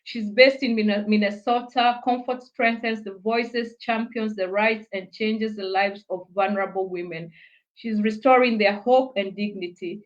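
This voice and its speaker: A woman's voice: mid-range voice, fairly even intonation, measured pace, dull audio. A woman hosting a live online interview, reading an introduction with many fillers and restarts. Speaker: host.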